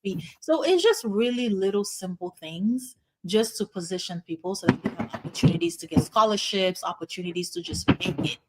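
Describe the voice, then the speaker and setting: A woman's voice: mid-range voice, lively intonation, a little fast, very noisy. A middle-aged woman from Haiti, a hospital physician, answering interview questions in an earnest, explanatory way with frequent "you know"s. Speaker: guest, internal medicine hospitalist.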